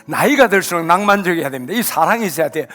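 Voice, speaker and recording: A man preaching a sermon as pastor, lively, breaking into loud exclamations and acted-out quotes. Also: fairly high pitch, very fast, long reverb tail, faint music behind. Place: church sanctuary.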